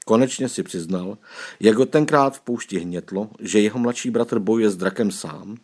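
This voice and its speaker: A man narrating an audiobook chapter in an expressive, storytelling manner. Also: lowish voice, husky.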